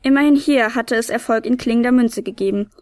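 A woman narrating a storybook in a calm, even storytelling manner. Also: on the high side, a little fast, no echo, studio quality.

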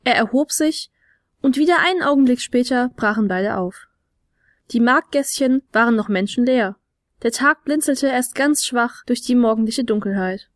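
A woman reads a children's advent story aloud. She is lively and expressive, and her voice sits fairly high. The sound is dry and close to a studio mic. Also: moderate pace, dry recording. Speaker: narrator. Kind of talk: storybook reading.

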